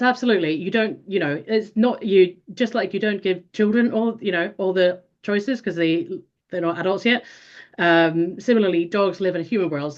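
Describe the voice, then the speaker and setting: A native Finnish woman in her forties speaks as an interview guest, her voice on the low side. She thinks aloud, stopping and restarting her sentences. The audio sounds a little dull and lo-fi. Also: darkish tone. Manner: thoughtful, many restarts and fillers. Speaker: guest, behavioral strategy consultant. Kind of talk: casual interview talk.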